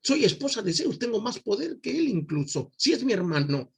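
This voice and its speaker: A man's voice: high voice, very animated, normal speed, gravelly, husky, voice pushed up, exaggerated voice. A man voicing a stern, jealous queen goddess who scolds her husband. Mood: reassuring. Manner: scolding, reassuring to allies.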